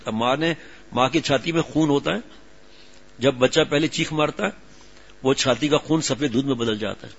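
A man's voice: mid-range voice, gravelly, pauses often, slightly rough. A middle-aged man preaching a sermon, telling stories in an earnest, emotional way and acting out quoted dialogue. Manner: storytelling with acted-out quoted dialogue. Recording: dull lo-fi recording.

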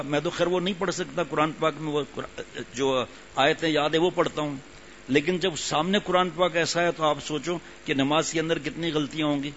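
A man's voice: a little high, fairly bright tone. An older man giving a conversational sermon as a religious teacher, repeating phrases for emphasis. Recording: muffled lo-fi recording with faint hum.

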